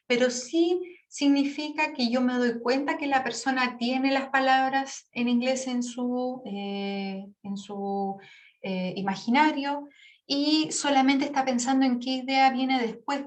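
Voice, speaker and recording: Woman teacher, slightly high-pitched, patient, explanatory, class feedback. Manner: patient, explanatory, checks in with frequent tag questions; demonstrates word pronunciation slowly. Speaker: English teacher. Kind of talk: classroom feedback on exam results.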